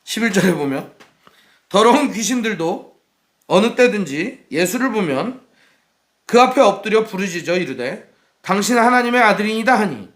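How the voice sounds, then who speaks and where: A man preaching a sermon as pastor in a church, asking the congregation questions and acting out the shouts he quotes. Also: sits high, expressive, normal speed, long pauses, roomy sound.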